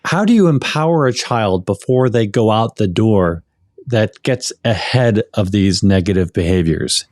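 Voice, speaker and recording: A man hosting a podcast, asking the guest thoughtful questions in a measured way. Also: fairly low pitch, expressive, a little mellow, dry recording, studio quality. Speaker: podcast host. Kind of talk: interview questions.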